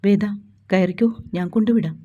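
A woman's voice: mid-range voice, moderate pace, narrow, tinny audio, close to an everyday voice. A woman voicing a stern, protective young man, speaking curtly and bossily. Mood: gruff. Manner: curt, bossy.

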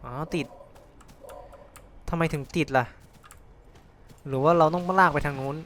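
A man's voice: a little high, measured pace, fairly bright tone, slight background noise. A man streaming a video game, thinking aloud and exclaiming as he plays. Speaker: gameplay streamer. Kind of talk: casual let's-play commentary.

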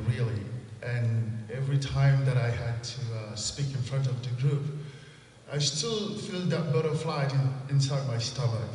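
A man's voice: medium pitch, darkish tone, distant mic, slight background noise. Earnest Cameroonian-accented man in an echoey hall. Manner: earnest, measured, repeats for emphasis. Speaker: motivational speaker. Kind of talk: inspirational panel talk. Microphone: handheld mic. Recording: echoey hall, heard from afar.

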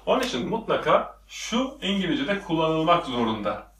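A man's voice: on the high side, very animated, normal speed, a bit bright. A man teaching a lesson at a whiteboard, quizzing the viewers with repeated questions, recorded in a classroom. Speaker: English teacher. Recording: echoey room, voice from a distance.

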